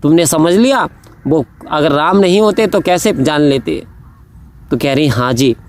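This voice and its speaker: A man's voice: fairly high pitch, animated, unhurried. A man preaching a devotional sermon, telling stories and reciting verse lines in a rising and falling, impassioned delivery.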